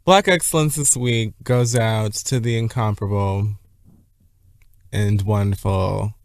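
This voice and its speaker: Low-voiced man co-hosting a podcast. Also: fairly even intonation, unhurried. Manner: playful, campy, swearing freely. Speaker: podcast co-host. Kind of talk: casual chat and ad read.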